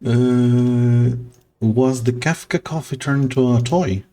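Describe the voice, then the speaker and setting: A man streaming a game, talking slowly and sentimentally, rambling with soft laughs. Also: mid-range voice, fairly even intonation. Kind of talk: casual game stream chat.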